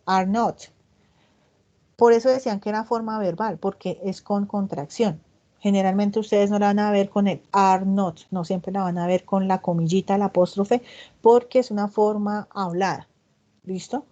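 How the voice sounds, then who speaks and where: Female English tutor lecturing over a video call, soft mellow tone, slightly lo-fi audio, patient and stepwise, reads examples slowly. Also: medium pitch, fairly even intonation. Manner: explains step by step, often checks in with "¿listo?". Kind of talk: online class lecture.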